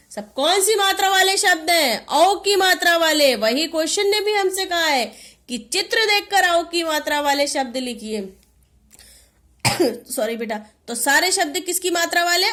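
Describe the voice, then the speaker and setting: A woman teaching a kindergarten lesson, asking questions and answering them herself, drawing words out slowly for young children. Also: extremely high pitch, fairly bright tone.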